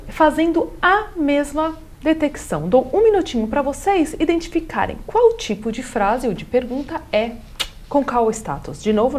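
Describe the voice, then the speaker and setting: A woman with a Brazilian Portuguese accent teaches German online, walking through each step. Her voice sits a little high and moves a lot. Example sentences come out slowly over faint background noise. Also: darkish tone. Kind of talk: online language lesson.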